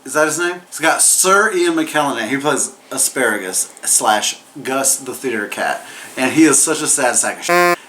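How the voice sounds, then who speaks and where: A man's voice: medium pitch, animated, moderate pace, sharp tone, a little hiss or hum, rough recording. A man giving a casual, profane comedic film recap while tipsy and getting drunker, rambling and prone to giggles. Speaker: movie reviewer.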